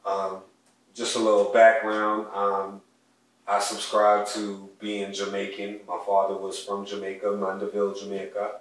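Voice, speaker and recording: A young podcast co-host with a lowish voice shares earnest, heartfelt stories about his soul and his ancestors at a measured pace, chatting casually in a home living room. A stand mic placed far away, with a wide camera shot, picks up echoey room sound.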